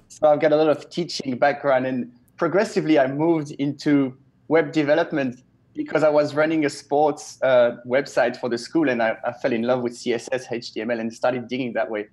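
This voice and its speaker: A man from Switzerland in his thirties, speaking in a somewhat raised voice. He sounds relaxed and enthusiastic as a guest on a video call, recorded through an earphone headset in a small home office. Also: on the high side, moderate pace. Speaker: guest web developer. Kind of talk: casual video-call interview.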